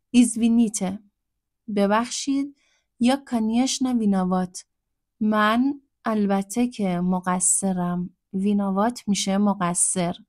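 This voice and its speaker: A woman gives a language lesson in a patient, explanatory way. She breaks down words and repeats phrases slowly for learners. Her voice sits at a middle pitch. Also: darkish tone, no echo, studio quality. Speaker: Russian language teacher.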